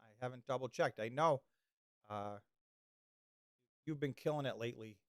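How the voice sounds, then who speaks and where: In a dry, studio-quality recording, a livestream host talks casually, wandering off topic, starting over repeatedly, and reading out chat comments as his voice gives out. His voice is medium-pitched and fairly bright, at a moderate pace.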